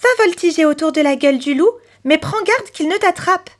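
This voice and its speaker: A woman's voice: very high voice, expressive, moderate pace, pitched above the performer's own voice. A woman voicing a brave little boy in a storybook. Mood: urgent.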